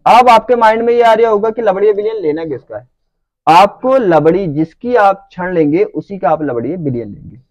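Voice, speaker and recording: A man's voice: high voice, animated, normal speed, no room sound, rough recording. A man teaching a lecture who keeps asking the class whether they follow. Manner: checks understanding with repeated questions.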